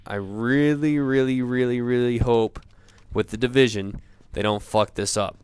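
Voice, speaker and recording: A man in a profane off-the-cuff gamer rant, sounding drunk, rambling haltingly and repeating himself. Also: medium pitch, fairly even intonation, a little mellow, clean tone. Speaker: gamer ranting about video games.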